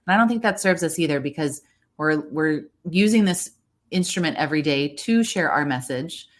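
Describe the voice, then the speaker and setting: In a podcast conversation, a middle-aged woman acts as a voice coach, giving listeners measured, encouraging advice. She has a low voice with lively intonation.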